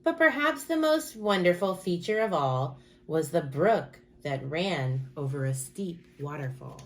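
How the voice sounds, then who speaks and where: Woman, slightly low pitch, teacher reading to kids, storybook narration, expressive, rhythmic, dramatic emphasis. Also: unhurried, slight background noise. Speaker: early childhood teacher. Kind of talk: children's picture book read-aloud.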